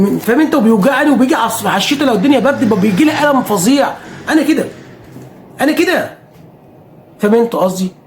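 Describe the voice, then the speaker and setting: A football fan streamer with a very high voice and an Egyptian Arabic accent talks to the camera in a casual way. He keeps repeating himself with emphasis and swears oaths.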